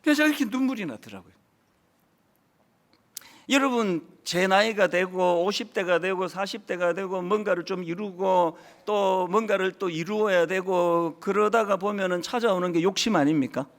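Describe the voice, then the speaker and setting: A man's voice: sits high, normal speed. A man in his fifties, a senior pastor giving a conversational sermon, telling stories and speaking straight to the congregation. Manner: chatty storytelling, addresses congregation directly. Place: church service.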